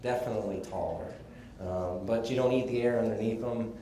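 A man from Texas gives a casual conference presentation, explaining things in a relaxed way with the odd chuckle. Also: lowish voice, fairly quick, slight background noise. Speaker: conference speaker on sheep breeding. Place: conference room. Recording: echoey conference room, faint ambience.

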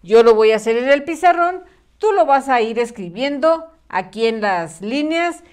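A woman teaching a spelling lesson to young children, patient and encouraging, spelling words out slowly and clearly. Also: a little high, expressive, darkish tone. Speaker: primary school teacher.

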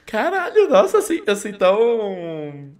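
A man's voice: sits high, measured pace, full character voice. A man doing a giggly flustered flirt. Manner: animated, giggly, teasing. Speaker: roleplay streamer. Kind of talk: game roleplay.

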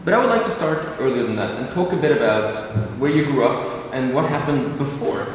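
A man's voice: mid-range voice, a little fast, slight background noise. Male host, casual and chatty, distant in a reverberant hall. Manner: relaxed, chatty, with fillers and laughs. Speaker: event host and interviewer. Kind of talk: hosting a fireside chat. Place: university lecture hall before an audience. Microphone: far camera, seated on a desk. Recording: echoey hall heard from afar.

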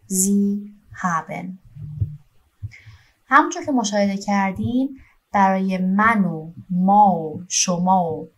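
A woman language teacher giving an online lesson, patiently explaining grammar and slowly dictating verb forms one by one. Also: medium pitch. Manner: slow, careful dictation of German verb forms with Persian explanations.

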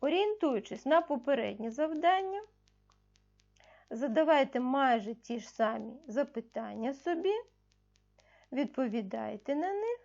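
Slow, lively-pitched woman teacher. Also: creaky, muffled recording. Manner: patient, asks questions and answers them herself; stresses key words slowly. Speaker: primary school teacher. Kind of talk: recorded video lesson for fourth graders.

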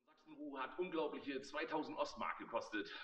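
A man's voice: mid-range voice, normal speed, a bit bright. A man, giving a casual, wry guided tour of a collection in a large hall. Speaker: club member presenting a vehicle collection. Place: large indoor exhibition hall. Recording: slightly dull, lo-fi sound.

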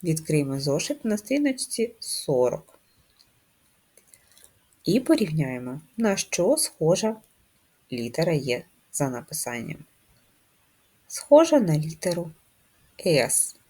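A woman's voice: low voice, big pitch swings, a little mellow. A woman teaching a first-grade handwriting lesson, giving patient, carefully spelled-out instructions to children. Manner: slow, patient, clearly articulated instructions.

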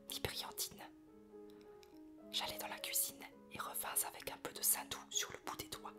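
A woman reading a novel aloud in a soft, breathy ASMR whisper, in a slow storytelling manner. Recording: piano music behind the whisper. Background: piano music.

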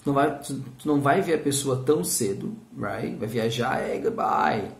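A man teaching English to Portuguese speakers in an energetic video lesson, drilling learners to repeat after him. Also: medium pitch, normal speed, vocal fry, echoey room.

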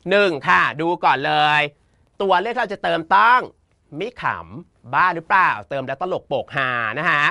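Campy, lively male tutor, bright voice. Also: high voice, gravelly, no room sound, clean studio sound. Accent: Thai. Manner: campy, teasing, uses feminine polite particles; reads English options slowly and carefully. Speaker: English exam tutor. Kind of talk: playful exam lesson.

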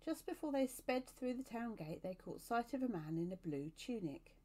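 A woman as storyteller, reading a novel aloud in a steady, even narration. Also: fairly high pitch, moderate pace.

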